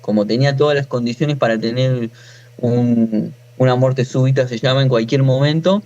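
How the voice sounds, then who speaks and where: A man in his forties from Buenos Aires, Argentina, speaks with a local Argentine accent in a mid-range, slightly mellow voice at normal speed, though the audio is dull. He's a natural farmer appearing as an interview guest, telling his own story informally and often breaking off to rephrase.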